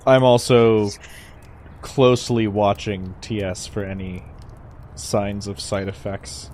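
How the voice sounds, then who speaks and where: A player in a tabletop game with a dry, unhurried way of speaking. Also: deep voice, flat delivery, a little mellow, slight background noise. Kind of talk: casual tabletop play.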